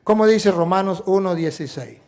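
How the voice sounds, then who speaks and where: A Venezuelan priest preaching a sermon in an emphatic, repetitive way, full of rhetorical questions. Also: male voice, high-pitched, brisk, darkish tone. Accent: Venezuelan Spanish.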